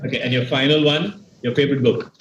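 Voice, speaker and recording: A man co-hosting a virtual dating show over a video call, brisk and joking. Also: mid-range voice, fairly even intonation, lo-fi sound, a crowd in the background. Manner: joking, brisk, quick-fire. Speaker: show host. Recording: echoey room with faint noise.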